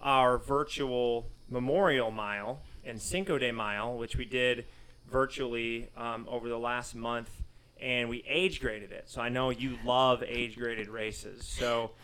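This Southern US running coach in his thirties hosts his podcast in a studio, first reading a long scripted list of race results, then chatting with plenty of fillers. His medium-pitched voice is smooth and fairly bright with fairly even intonation and a measured pace, though the audio is poor.

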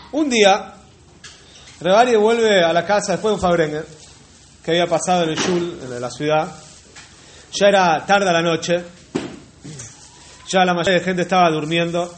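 A man telling a religious folk tale unhurriedly, repeating words and turning to his listeners with asides. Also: sits high. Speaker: storyteller.

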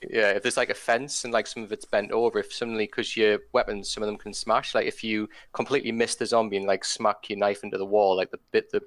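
A man's voice: on the low side, level tone, fast, few pauses, a bit bright, dry recording. A man chatting casually and enthusiastically about video games, rambling with lots of fillers.

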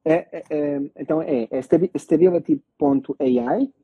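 A man's voice: a little high, moderate pace, husky, no echo, narrow, tinny audio. A man with a European Portuguese accent explaining things in a casual discussion, often repeating phrases and checking that listeners follow. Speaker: panelist explaining technology.

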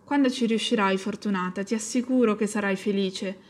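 Zorba, a woman doing a gentle protective big cat. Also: mid-range voice, fairly even intonation, fairly quick, close to an everyday voice. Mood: tender. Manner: gentle, earnest.

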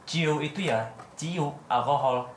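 A man in a casual podcast chat, calmly explaining what words mean. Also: on the high side, unhurried. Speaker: podcast guest. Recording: roomy room, faint background noise.

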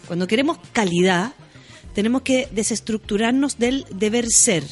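A Chilean woman in her late thirties explaining sexuality topics in a relaxed, conversational way. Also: moderate pace, soft background music. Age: 30s. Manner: explanatory, acts out quoted lines in a higher voice. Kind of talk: casual podcast chat.

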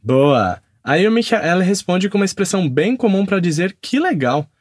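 A man's voice: high voice, very animated, normal speed, no room sound, studio quality. A man teaching a podcast language lesson. He enunciates repeat-after-me drills carefully and follows them with upbeat praise.

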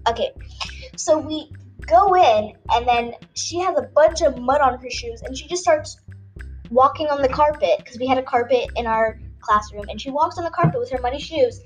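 A woman's voice: high-pitched, normal speed, faint music behind. Rambling young woman telling a story. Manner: rambling, full of filler words. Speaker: podcast storyteller. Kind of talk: casual storytelling.

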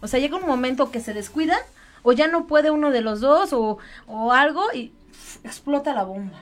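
A woman's voice: sits high, animated, moderate pace, soft background music. A woman co-hosting a casual radio chat show, laughing often and turning to her listeners with questions. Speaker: radio co-host.

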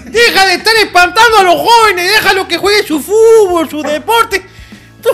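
A woman's voice: very high voice, moderate pace, a bit bright, soft background music. A woman in casual chat with friends, scolding in a joking way, swearing and laughing as she talks. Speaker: friend listening.

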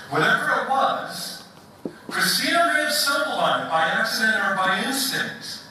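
A man delivers a prepared talk with a sharply bright, somewhat high voice. He speaks in measured steps, pausing and asking rhetorical questions. His voice rings through a reverberant hall, caught from a distance. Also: slight background noise. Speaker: public speaker. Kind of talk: prepared public talk to an audience. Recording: echoey hall, picked up from a distance.

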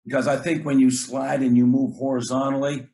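Middle-aged man, basketball coach, casual talk, earnest, mid-pitched voice, restarts phrases. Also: flat delivery, a little fast, gravelly, dark tone. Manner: earnest, repeats words, acts out talks with players. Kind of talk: casual podcast chat.

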